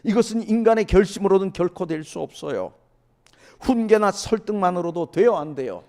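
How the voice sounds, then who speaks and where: A man preaching a sermon as a pastor. He keeps asking the congregation questions and answering them himself, and he swings from loud emphatic lines down to hushed asides. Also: sits high, animated, fairly quick, creaky.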